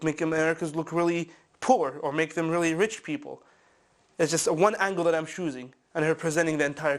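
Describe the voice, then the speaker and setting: A young man from Saudi Arabia speaks English with an Arabic accent, answering interview questions as a film director. He explains his views earnestly, now and then restarting a phrase or reaching for a filler. His voice sits somewhat higher than most men's. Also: a bit bright.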